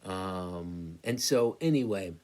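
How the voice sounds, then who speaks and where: A middle-aged man with a lowish voice gives a recorded literature lecture. He talks in a loose, conversational way, with fillers and restarts, and tells stories where he acts out the lines of other people. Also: animated, slow pace, darkish tone. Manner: conversational, storytelling with acted-out quotes. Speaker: English lecturer.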